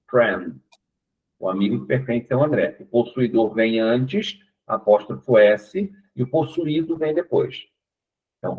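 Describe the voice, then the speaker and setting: Slow husky Brazilian man teaching. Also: medium pitch. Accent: Brazilian Portuguese. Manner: patient, explains step by step with frequent "né?" checks. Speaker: English teacher. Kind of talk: online class explanation. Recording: tinny narrowband online call audio.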